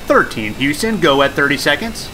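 A man voicing a brisk astronaut and mission radio operator in a re-enactment, clipped and procedural. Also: on the high side, big pitch swings, pushed and bright, slight background noise. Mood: brisk, official.

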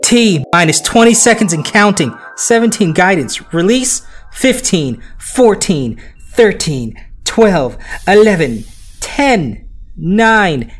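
A woman voicing a steady, official mission control announcer in a space re-enactment, clipped and procedural. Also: medium pitch, slow, soft background music.

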